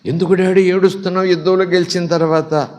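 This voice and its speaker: A man's voice: high-pitched, level tone, quick pace, darkish tone, pitched above the performer's own voice, natural voice. A devoted young daughter, acted by a male preacher asks her father earnest questions. The voice rises well above the preacher's usual register. It is a brief retelling within a sermon. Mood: puzzled pleading.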